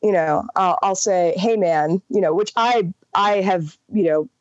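Over dull call audio without echo, a lowish-voiced woman speaks at a measured pace. She's an American-accented panelist from Wisconsin, in the US upper Midwest, taking part in a casual podcast roundtable, earnest and full of fillers and restarts.

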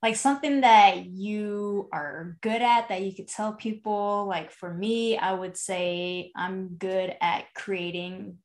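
A woman co-hosting a casual podcast interview, asking friendly, relaxed questions. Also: mid-range voice, takes it slowly, few pauses. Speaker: podcast co-host.

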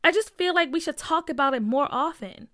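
A woman's voice: high voice, expressive, a little fast, sharp tone, no echo, clean studio sound, voice pushed up. A woman voicing an earnest, outspoken schoolgirl. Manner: questioning, insistent.

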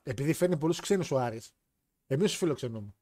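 A young man from hosting a wrestling show, joking in a lively, slangy way. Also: medium pitch, over a noisy crowd, very noisy. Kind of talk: casual chat reading chat comments.

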